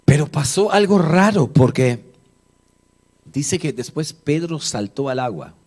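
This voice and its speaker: A man, a pastor, delivers a lively, storytelling sermon in a church. His voice sits a little higher than most men's. He acts out scenes and chats easily with the congregation. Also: a little slow. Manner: animated storytelling, acting out Bible dialogue; conversational, jokes with the congregation. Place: church service before a congregation.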